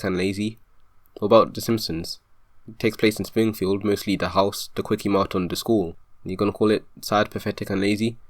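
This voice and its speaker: A man with a lowish voice argues back point by point, exasperated and insistent, in the manner of an online commentary. His voice sounds close and dry, with no room around it. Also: no echo. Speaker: video commentator rebutting a review. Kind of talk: argumentative commentary.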